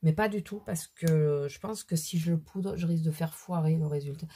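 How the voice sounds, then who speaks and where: Middle-aged woman vlogger with a cold, slightly low, mellow tone; casual, self-deprecating beauty chat. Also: normal speed, husky. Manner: chatty, rambling, self-deprecating asides. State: has a cold. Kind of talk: casual makeup vlog chat. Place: at home at her mirror.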